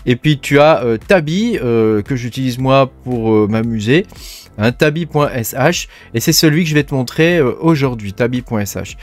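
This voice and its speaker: A man's voice: mid-range voice, animated, moderate pace, faint music behind. A man hosting a casual screen-share tech tutorial, talking informally to the viewer with many fillers. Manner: chatty, informal, frequent "hein" and "tu vois" fillers.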